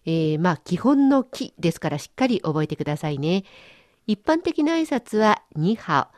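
A woman's voice: fairly low pitch, very animated, moderate pace, a little mellow, no echo. Encouraging woman hosting a language lesson. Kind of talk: friendly scripted language lesson.

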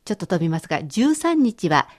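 A Japanese woman teaching a radio language lesson, explaining patiently and clearly. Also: fairly low pitch, sing-song, a little fast.

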